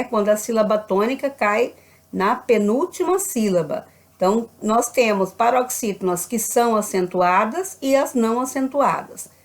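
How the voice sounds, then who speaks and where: A woman with a Brazilian Portuguese accent, a primary school teacher patiently explaining a grammar lesson, often checking in with "né?". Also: on the high side. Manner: patient, repeats with frequent "né?" checks.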